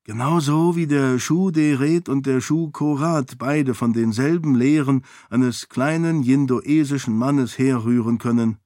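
A man voicing a sharp-witted young royal woman in an audiobook, lifting his voice and talking with quick self-assurance. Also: medium pitch, no room sound, clean studio sound, pitched above the performer's own voice, lightly acted. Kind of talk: audiobook character voice.

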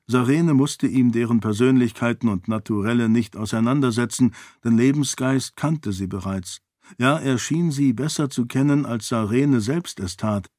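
A man narrating an audiobook in a steady, measured way. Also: mid-range voice, dry recording, studio quality. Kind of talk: scripted narration.

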